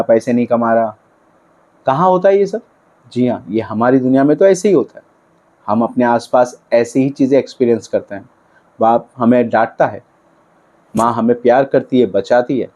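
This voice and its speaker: A man's voice: mid-range voice, warm tone, dull audio. A man giving blunt, opinionated film commentary, arguing his points and asking rhetorical questions.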